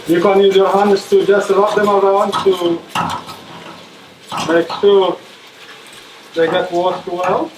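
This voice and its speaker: Hesitant chef from Ethiopia. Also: male voice, sits high, level tone, slow pace, long pauses. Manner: hesitant, many "uh" fillers. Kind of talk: cooking demonstration. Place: kitchen. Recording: echoey kitchen, faint background noise.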